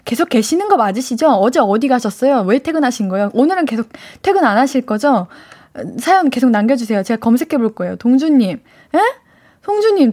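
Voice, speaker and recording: A woman's voice: high voice, a little mellow. A woman hosting a live radio show, reading listener messages in a playful, teasing way and slipping into cute baby-talk. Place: radio studio. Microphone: studio microphone.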